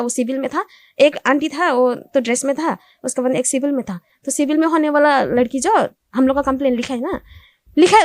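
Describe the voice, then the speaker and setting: A young woman tells her account in simple, repetitive Hindi, her voice set high. She grows agitated and insistent. The sound is dry and close. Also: no room sound. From Assam. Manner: speaks Hindi with non-standard grammar, repeats "ऐसे बोला". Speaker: complainant interviewed. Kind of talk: recounting events to reporters.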